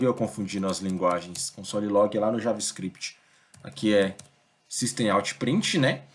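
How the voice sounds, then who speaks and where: A young man teaching a programming lesson in a relaxed, conversational way, thinking aloud and checking in with his students often. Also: medium pitch. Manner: conversational, thinks aloud, many fillers like "beleza?" and "ó". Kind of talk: casual screen-recorded coding lesson.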